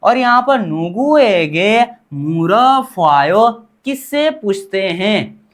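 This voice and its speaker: A woman teaching a grammar lesson, repeating each word slowly and quizzing the learners as she goes. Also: mid-range voice, big pitch swings. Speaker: language teacher.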